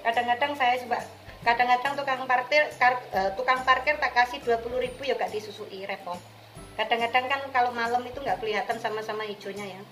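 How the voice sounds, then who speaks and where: An Indonesian vlogger with an East Javanese accent, a returned migrant worker, chats casually to her viewers in slangy, direct address. Her voice is on the high side, a bit bright, steady in tone, and a little fast. The recording has a roomy echo with music behind.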